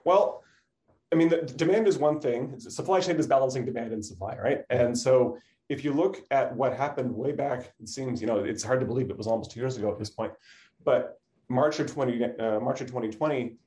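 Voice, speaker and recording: A man with a mellow, relaxed tone and an average pitch. He explains as an expert interview guest, conversationally and informally, checking in with the listener as he goes. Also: fairly quick. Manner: informal explaining, often checks with "you know" and "right". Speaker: academic supply chain expert, interview guest.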